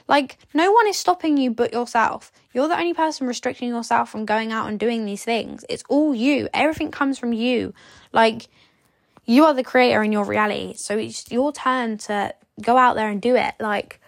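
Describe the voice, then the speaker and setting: A woman's voice: a little high, moderate pace, vocal fry, dry recording, studio quality. A young woman hosting a podcast, giving blunt, sleepy, chatty breakup advice with lots of "like" and some swearing. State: sleepy, yawning. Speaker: podcast host. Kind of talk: casual advice monologue.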